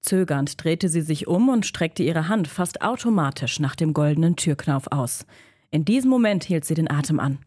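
A woman narrating a children's story in a steady, suspenseful reading. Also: deep voice, moderate pace, no room sound, studio quality.

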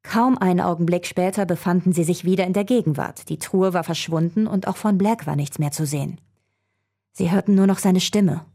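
A woman reading a children's adventure story aloud, telling it in a calm, even way. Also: fairly low pitch, a little fast.

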